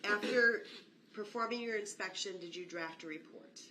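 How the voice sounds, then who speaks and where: A woman's voice: medium pitch, moderate pace. A woman prosecutor questioning a witness formally and methodically. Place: courtroom. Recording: echoey courtroom, distant mic, faint noise.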